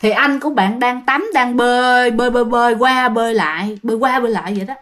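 A woman with a Southern Vietnamese accent narrates a ghost story in a casual, chatty way. Her voice sits high, and she speaks straight to her listeners, often repeating words as she goes. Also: quick pace, fairly bright tone.

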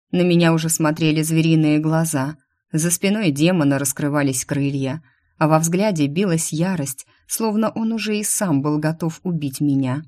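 Low-voiced woman reading a romance audiobook. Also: a little mellow. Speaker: audiobook narrator. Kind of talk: first-person audiobook narration.

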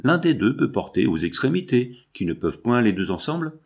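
A man's voice: mid-range voice, very animated, brisk, gravelly, a little mellow. A man reading an anguished jealous husband. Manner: impassioned reproachful questioning. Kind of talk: audiobook character reading.

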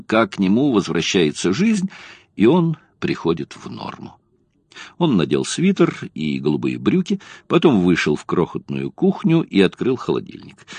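A man narrating an audiobook in a measured, expressive storytelling manner, close to the mic. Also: mid-range voice, no room sound. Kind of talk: scripted narration.

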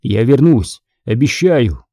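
A steady young man takes charge, urging the others on and cutting off argument, voiced by a man. His tone is dark and a little husky. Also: medium pitch, takes it slowly, no room sound, clean studio sound. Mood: commanding. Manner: firm, commanding. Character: decisive young man, calm leader.

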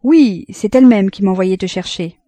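A woman reading an audiobook voices a troubled young man, earnest and measured as he reasons with himself. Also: medium pitch, warm tone, no room sound, natural voice. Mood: quiet. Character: troubled young man weighing his conscience.

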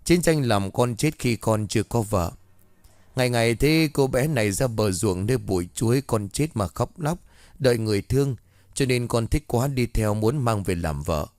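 A dead soldier's ghost talks through a possessed girl, rough when it threatens and humble when it begs, as a man reads it in his own voice. The delivery sits at a middle pitch with a close, dry sound. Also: animated, moderate pace, a little mellow, no echo, close to an everyday voice. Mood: pleading. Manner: rough threats turning to begging.

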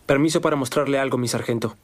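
An actor playing an earnest captive soldier in a Latin American Spanish film dub, addressing a superior with deferential insistence. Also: male voice, mid-range voice, fast, natural voice. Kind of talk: dubbed film acting.

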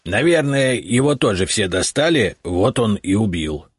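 Guy doing a snarky house spirit, offhand and husky, dry mic. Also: lowish voice, very animated, a little slow, dry recording, voice pushed up, full character voice. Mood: sardonic. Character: sardonic male house spirit, grumbling.

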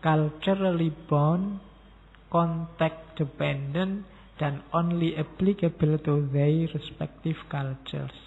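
A middle-aged man, giving a relaxed, joking philosophy lecture to students and slipping in words. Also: on the high side, takes it slowly. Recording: tinny phone-like sound in a long-reverb hall.

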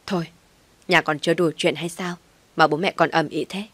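A woman voicing a calm, firm young husband in an audiobook story. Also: deep voice, moderate pace, husky, no room sound.

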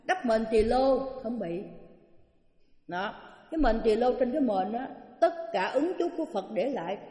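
Chatty Southern Vietnamese nun in an echoey hall. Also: female voice, a little high, lively intonation, normal speed, mellow. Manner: chatty, acts out quoted voices. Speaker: Buddhist nun teacher. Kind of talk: storytelling dharma talk. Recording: echoey hall with long reverb.

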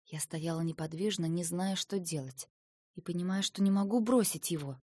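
Expressive woman reading an audiobook. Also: lowish voice, moderate pace, breathy edge, no echo. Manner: expressive storytelling. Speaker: audiobook reader. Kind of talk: scripted first-person narration.

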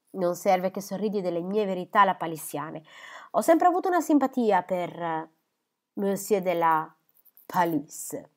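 A woman voicing a lively, impulsive young woman in a storybook reading, eager and quick to brighten. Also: medium pitch, close to an everyday voice.

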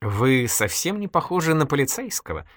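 A man's voice: mid-range voice, sing-song, moderate pace, a bit bright, no room sound, studio quality, pitched above the performer's own voice. A man doing a giggly, teasing young woman. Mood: playful. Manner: teasing, exclaiming, laughing. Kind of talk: audiobook character voice.

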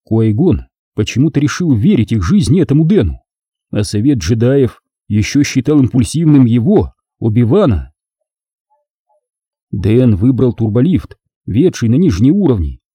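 A man's voice: medium pitch, big pitch swings, normal speed, warm tone, breathy edge, no echo. A man reading an audiobook aloud as narrator, telling the story expressively. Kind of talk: scripted narration.

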